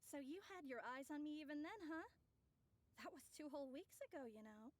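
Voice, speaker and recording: A woman's voice: sits high, expressive, a little fast. A woman playing a composed, courteous young witch in a video game, speaking with polite theatrical confidence. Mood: coy.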